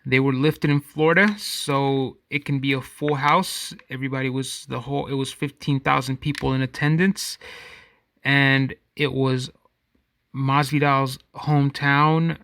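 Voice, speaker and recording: A man talks slowly into a close mic, picking his way through his thoughts on his own podcast. He wanders and corrects himself in a loose, conversational way, and the sound is dry with no room around it. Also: medium pitch, flat delivery, fairly bright tone, clean tone, no room sound. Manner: rambling, self-correcting, conversational. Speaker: podcast host. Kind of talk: casual solo commentary.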